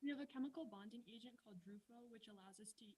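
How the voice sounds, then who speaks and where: A woman's voice: a little high, very fast, mellow, breathy edge, low-quality recording. A woman testifying as a witness in a mock trial over a video call, hesitant with ums and uhs, her audio glitching and cutting in and out. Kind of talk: role-played courtroom testimony. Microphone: computer mic on a video call.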